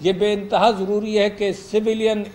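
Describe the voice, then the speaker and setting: High-voiced man from Pakistan, panel politician, insistent debater. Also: flat delivery, moderate pace, darkish tone. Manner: insistent, repeats himself to hold the floor. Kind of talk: talk show debate.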